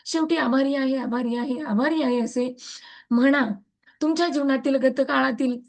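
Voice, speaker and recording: A woman's voice: sits high, gravelly. A woman with a Marathi accent leading a gratitude practice over a video call, earnest and repeating her thanks in chant-like runs. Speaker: gratitude practice group leader. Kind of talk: guided reading and affirmations. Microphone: laptop mic on a video call.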